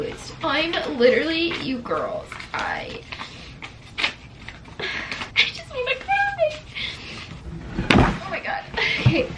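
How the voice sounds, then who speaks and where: A woman's voice: high voice, vocal fry. A nineteen-year-old woman vlogging as she opens gifts, teary and gushing, filling her talk with "like" and "literally". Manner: gushing, tearful, says "like" and "literally" often. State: teary, on the verge of crying. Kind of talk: emotional unboxing vlog. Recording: distant mic with loud background noise.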